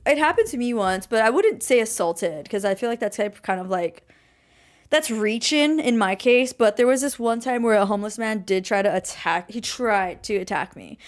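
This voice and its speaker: Animated high-voiced young woman storyteller. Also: moderate pace. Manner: animated storyteller, bursts into loud exclamations. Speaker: podcast co-host. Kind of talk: casual chat.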